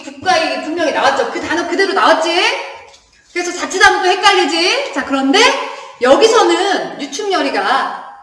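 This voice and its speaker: A woman's voice: very high voice, pushed and bright. A woman teaching a literature class in a chatty lecturing manner, laughing often and checking that her students follow. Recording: echoey hall, distant mic.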